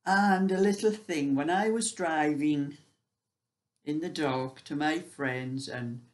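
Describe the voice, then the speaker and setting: A woman's voice: deep voice, slow, a little mellow. Older british lady, 75ish, just rambling on in a casual everyday chat. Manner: rambling, conversational storytelling. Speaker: vlogger sharing everyday life.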